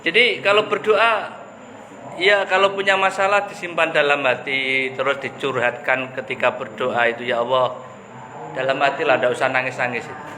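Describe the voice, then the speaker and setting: A man's voice: medium pitch, little pitch movement, normal speed, bright, forceful tone. A man giving a casual religious talk, chatty and joking, mixing in local slang. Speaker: preacher. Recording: echoey room with background noise.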